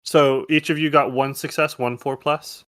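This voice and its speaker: A man serves as game master for a tabletop game, improvising narration in casual table talk and explaining the rules in informal asides. His voice sits on the high side, steady and fairly bright at normal speed, recorded dry with background music playing under it.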